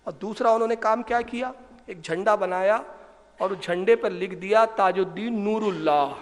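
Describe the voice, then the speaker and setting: High-voiced man preaching in an echoing hall. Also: slight background noise. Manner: animated, swells to emphatic loud passages. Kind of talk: storytelling sermon. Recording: echoey hall with long reverb.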